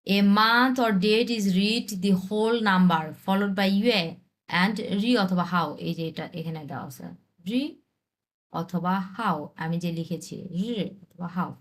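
This is a young woman from Bangladesh, teaching an online language class. She explains patiently and repeats each example, and she reads the English lines slowly. Her pitch sits at a middle height for a woman.

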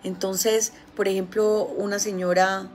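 A woman with a Colombian accent giving a casual spiritual talk, telling stories with lively, acted-out quotes. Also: mid-range voice, measured pace. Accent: Colombian Spanish. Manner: animated storytelling, acting out quoted voices. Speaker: spiritual healer.

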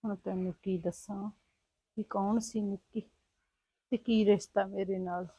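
A woman's voice: mid-range voice, steady tone, a little slow, warm tone, slightly rough. A middle-aged woman playing a frightened mother-in-law in a family short film, wailing and complaining. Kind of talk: Punjabi short film acting.

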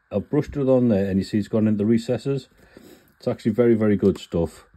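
A man full of cold talks plainly through a casual scale model build tutorial, frequently correcting himself. His voice is low-pitched and mellow.

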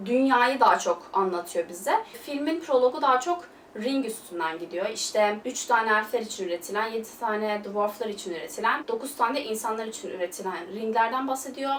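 A woman's voice: fairly high pitch, fairly quick, hardly any pauses. A young woman chatting through a casual film review, gushing and loose, full of fillers. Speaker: film vlogger. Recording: roomy, distant mic, faint hiss.

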